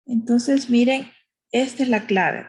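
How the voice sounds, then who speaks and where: Her voice sits fairly high and is a little mellow and slightly rough, and she speaks slowly. This woman walks through a math lesson step by step with patience, often asking "¿verdad?" and using diminutives as she explains.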